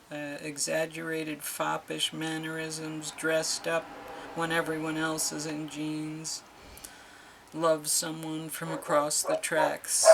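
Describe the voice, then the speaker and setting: A woman's voice: low voice, vocal fry, a bit bright, a little hiss or hum. A middle-aged woman doing a casual tarot reading, chatty and exclamatory as she reads card meanings aloud. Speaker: tarot reader.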